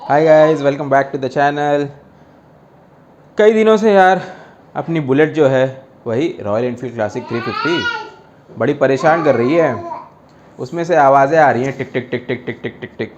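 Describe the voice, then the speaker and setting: A man talking casually to viewers in a vlog, loud and playful when speaking to his child. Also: medium pitch, unhurried, dull audio, faint music behind. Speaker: vlogger.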